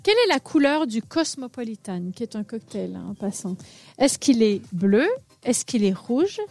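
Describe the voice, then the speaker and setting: Radio lady running a cocktail quiz, bit high pitched, talks a lot, laughs easy. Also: animated, moderate pace, darkish tone. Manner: chatty, explains at length, laughs easily. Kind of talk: casual radio chat.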